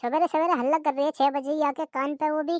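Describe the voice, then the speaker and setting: A fed-up cartoon wife who nags and scolds without pause, voiced by a woman. Her voice sits high and bright, recorded close and dry with no room around it. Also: steady tone, no echo, natural voice. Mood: indignant. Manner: scolding, complaining loudly. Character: nagging young wife, sharp-tongued and fed up. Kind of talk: cartoon comedy voice-over.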